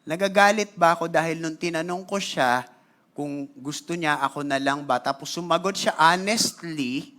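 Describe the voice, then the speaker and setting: A pastor with a Filipino accent preaching a sermon to his congregation, telling a story in a lively, conversational way and often clearing his throat. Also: fairly high pitch, moderate pace. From Philippines. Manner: animated, conversational, switching between Tagalog and English.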